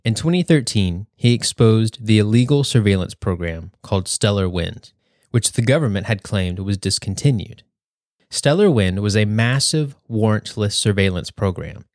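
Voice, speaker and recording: A young man hosting a podcast, reading a prepared speech in a measured, earnest way. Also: on the low side, darkish tone, no echo, studio quality. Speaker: podcast host.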